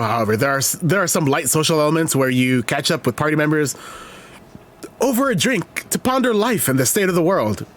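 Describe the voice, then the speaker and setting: Animated, high-voiced joking male streamer. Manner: rambling, joking, laughs often. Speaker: streamer reacting to game reviews. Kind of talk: casual live-stream reaction, reading aloud.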